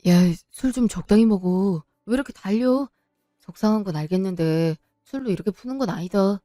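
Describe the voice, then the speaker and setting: A woman voicing a frank male friend who lectures calmly and bluntly. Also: medium pitch, a little fast, dry recording, studio quality, faint music behind, natural voice.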